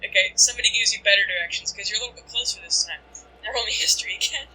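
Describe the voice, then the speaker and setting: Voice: mid-range voice, racing, pushed and bright, breathy edge, poor audio. A game master narrating a tabletop game in a rambling, chatty way, full of fillers and asides.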